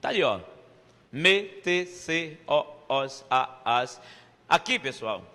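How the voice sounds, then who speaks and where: A man's voice: on the high side, very animated, slow, pushed and bright, in a large hall. A Brazilian man teaching a grammar lesson with playful asides to his students. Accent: Brazilian Portuguese. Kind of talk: online exam-prep grammar lesson.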